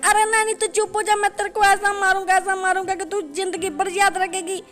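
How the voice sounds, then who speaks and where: A man's voice: very high-pitched, little pitch movement, brisk, fairly bright tone, soft background music. A man voicing a little cartoon boy who suddenly acts like a bully, taunting and threatening the others. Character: timid little boy turned boastful bully. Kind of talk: cartoon voice over gameplay.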